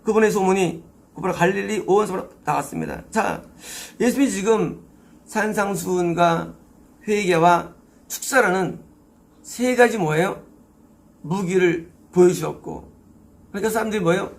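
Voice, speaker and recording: Man, pastor, sermon, high voice, gravelly edge, emphatic rhetorical questions. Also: normal speed. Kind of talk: expository sermon.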